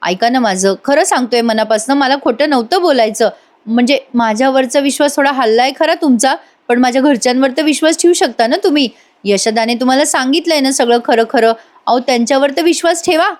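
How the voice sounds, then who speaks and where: Woman doing a sly smooth-talking young man. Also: sits high, a little fast, close to an everyday voice. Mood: coaxing.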